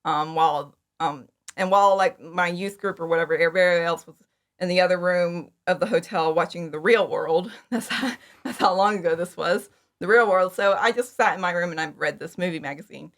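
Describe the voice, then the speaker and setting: Her pitch is fairly low and her delivery a little fast. A woman in her thirties who makes fan audio dramas, she is a podcast guest giving casual interview answers full of enthusiasm, informality and giggles.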